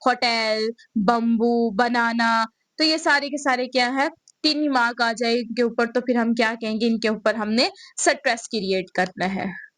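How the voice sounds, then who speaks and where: Pakistani lady teacher, high voice, dry close sound, keeps asking and answering herself. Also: fairly even intonation, measured pace, a bit bright, no room sound. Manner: repeats questions and answers them herself, calls students "beta". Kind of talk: recorded lecture explaining slides.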